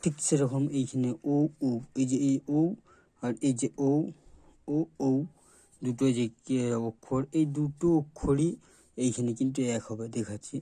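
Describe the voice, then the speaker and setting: A man's voice: mid-range voice, steady tone, unhurried, warm tone, no room sound. A man with a Bengali accent teaching letters in a casual lesson, repeating sounds and pointing at each letter as he goes. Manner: plain, repetitive, stops to point at letters. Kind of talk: explaining letters at a board.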